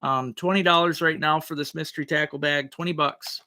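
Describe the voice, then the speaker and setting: A man's voice: on the high side, steady tone, fairly quick, bright, forceful tone. A man hosting a casual livestream auction, repeating the current bid in a folksy auctioneer's manner.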